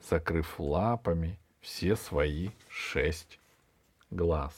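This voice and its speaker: A man narrating a children's book aloud in an expressive, even-paced way. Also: low-pitched. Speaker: audiobook reader. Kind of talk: storybook narration.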